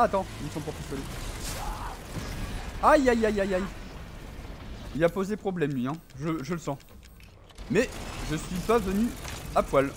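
A man's voice: high-pitched, background noise. A man streaming a horror game, commenting live, swearing often and talking back to the enemy on screen. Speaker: gaming streamer.

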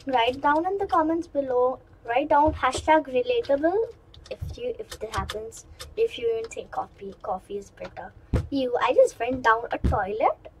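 High-voiced chatty female gamer. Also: normal speed, slight background noise, poor audio. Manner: chatty and excitable, rambling asides to viewers. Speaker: gaming channel host. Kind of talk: let's-play commentary.

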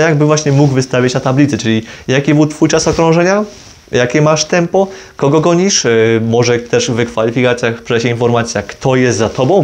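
In a small, plain room indoors, a man in his 20s who creates motorsport videos explains something informally to the camera. His darkish, mid-range voice comes through a lavalier clipped on his jacket, and he often rephrases and corrects himself.

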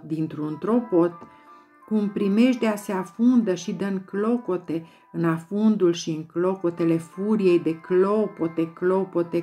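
A woman giving a dramatic, rhythmic poetry recitation, chanting repeated words in an incantatory way. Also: medium pitch. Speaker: volunteer poetry reader. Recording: soft music bed behind voice.

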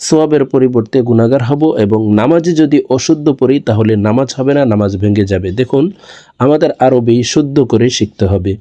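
A man teaching Quran reading, spelling out each letter slowly and then chanting the verses long and drawn out. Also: mid-range voice, mellow. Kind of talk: recitation lesson.

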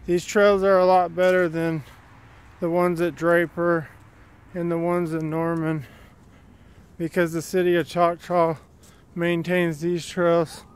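A chatty vlogger hikes a wooded dirt trail outdoors, giving casual, plainspoken, rambling commentary as he walks, filmed on a handheld phone camera. His voice is fairly high and clean, delivered flatly and slowly.

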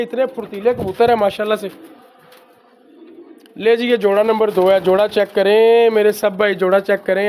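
A man from Pakistan who breeds and sells pigeons, talking loudly and emphatically as he shows birds to his viewers, repeating the same stock phrases. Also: sits high. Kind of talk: casual handheld show-and-tell. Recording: faint background noise with pigeons.

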